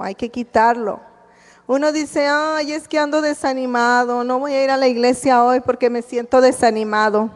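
High-voiced woman preaching in a church. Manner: storytelling with acted-out dialogue. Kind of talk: sermon. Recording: live church recording with long reverb.

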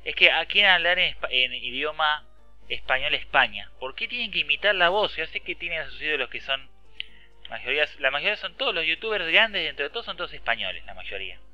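A man's voice: fairly high pitch, pushed and bright, no room sound. A man with an Argentine accent giving casual game commentary, reading game text aloud, ranting and swearing freely. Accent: Argentine Spanish. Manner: chatty, swears often, reads game text aloud, rants. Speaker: gameplay commentator. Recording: dull lo-fi dry sound.

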